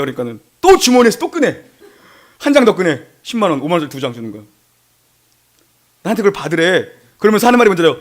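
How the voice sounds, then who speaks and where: A middle-aged male pastor giving a Sunday sermon, telling stories conversationally and swinging from loud emphasis to hushed asides. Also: a little high. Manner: conversational storytelling, voices quoted people.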